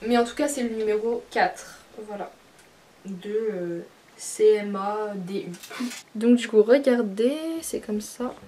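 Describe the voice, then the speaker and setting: A woman's voice: medium pitch, fairly even intonation, takes it slowly, warm tone, recorded from a distance, a little hiss or hum. A young woman chatting through a casual vlog from a bedroom, hesitant with many fillers and apologies. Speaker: beauty vlogger. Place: her mother's bedroom, indoors. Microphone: camcorder mic.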